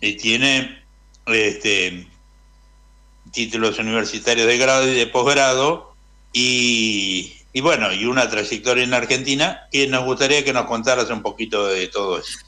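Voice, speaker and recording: A male radio host introduces his guest in an easy, unhurried manner. His voice is bright and sits at a middle pitch, and he fills his pauses often. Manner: relaxed, uses "este" as filler. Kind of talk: radio interview.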